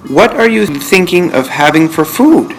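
A woman voicing the partner in a lesson dialogue, in a slow, lowered voice. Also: expressive, soft background music, poor audio. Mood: casual.

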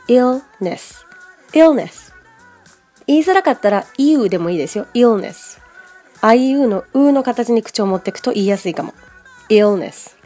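A woman hosts a podcast English lesson, her voice fairly high and swinging widely in pitch. Her tone stays mellow and soft rather than bright. She mixes casual asides with careful, slow demonstrations of each word's pronunciation, and faint music plays behind her. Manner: explains pronunciation step by step and models English words slowly; chatty asides in casual Japanese. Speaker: English teacher.

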